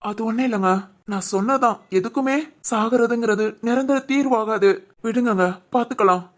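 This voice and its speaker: A woman voicing an earnest young husband, high. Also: normal speed, close to an everyday voice. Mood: pleading. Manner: earnest, pleading, reassuring. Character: young husband, gentle and pleading. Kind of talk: dubbed cartoon drama.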